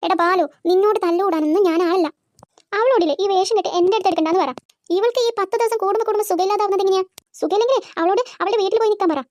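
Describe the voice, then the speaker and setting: Squeaky, nagging old mother-in-law. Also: darkish tone, dry recording. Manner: scolding, sarcastic complaining. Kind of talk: cartoon voice acting.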